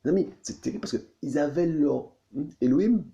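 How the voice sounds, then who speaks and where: Gravelly, dark-voiced male preacher. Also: a little fast. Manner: repetitive, constantly saying "my friends" and asking "you see?"; pitch leaps high on questions. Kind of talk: sermon. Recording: dull lo-fi recording.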